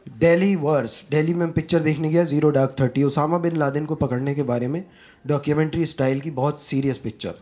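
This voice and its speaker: A young man from Uttar Pradesh doing an animated stand-up comedy set, switching between Hindi and English and acting out the people in his stories, on a comedy club stage with a handheld mic. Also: fairly high pitch, fast. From Uttar Pradesh, India. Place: comedy club stage before a live audience. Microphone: handheld corded mic. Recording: live club recording with audible crowd noise. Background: audience laughter.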